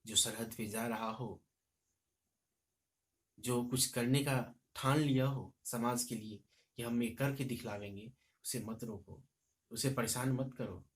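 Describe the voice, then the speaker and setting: A man teaching a lesson, explaining a poem line by line and reciting its verses loudly with rising emphasis. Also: mid-range voice, steady tone, slow, long pauses.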